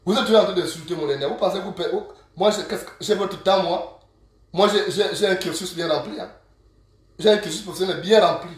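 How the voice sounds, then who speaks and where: A man's voice: sits high, far from the mic. Scolding Gabonese man in an echoey room. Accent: Gabonese French. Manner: scolding and insulting, repeats proverbs slowly. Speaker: online activist. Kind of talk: angry direct-to-camera rant.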